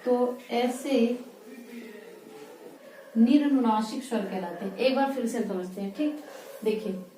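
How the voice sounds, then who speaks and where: Writing on a whiteboard during a grammar lesson, a Hindi teacher slowly stretches out and repeats every word she puts down. She has a soft, mellow, slightly high voice. The mic is distant, the room echoes, and there's slight background noise.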